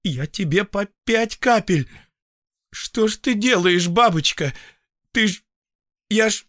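A man voicing a sly, flattering young peasant woman in a sing-song, fawning manner for an audiobook. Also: high voice, takes it slowly, no room sound, clean studio sound, pitched above the performer's own voice, full character voice. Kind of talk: audiobook reading.

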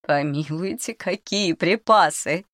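A woman voicing a frightened old female cook in a storybook, with a creaky, pleading voice, pitched well above her own. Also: takes it slowly, a bit bright, dry recording, clean studio sound.

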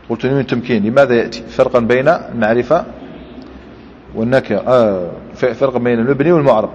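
A man teaching a grammar lesson, explaining step by step and quizzing his students with quick questions. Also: medium pitch, darkish tone, slight background noise. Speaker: Islamic scholar teaching Arabic grammar. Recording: dull lo-fi recording with long hall reverb.

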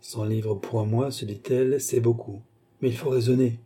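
A man narrating a classic novel in steady literary reading. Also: medium pitch, moderate pace, husky. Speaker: audiobook reader.

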